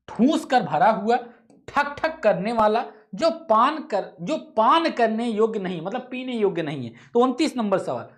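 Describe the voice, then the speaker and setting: A male teacher leading an online test-solving class, repeating each question, thinking aloud, correcting himself and tossing casual asides to students. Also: very high voice. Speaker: exam-prep teacher.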